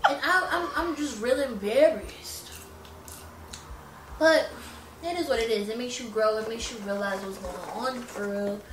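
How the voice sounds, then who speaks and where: Late-20s woman, podcast co-host, blunt and laughing, slightly high voice, off-mic in an echoey room. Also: measured pace, distant mic, noisy background. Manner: blunt, laughs often, swears freely. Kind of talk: casual chat. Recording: roomy echo, a bit off-mic.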